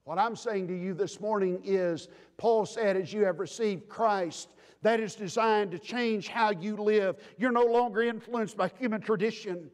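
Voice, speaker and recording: A man preaching a sermon as pastor, emphatic, building to loud declarations and dropping low again. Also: unhurried, hardly any pauses. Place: church sanctuary. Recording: long reverb of a church sanctuary.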